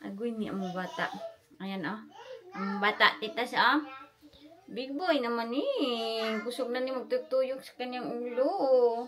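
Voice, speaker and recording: Slow, high-voiced young mom. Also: female voice. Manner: coos and baby-talks to an infant. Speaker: mother filming her baby. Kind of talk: casual family vlog.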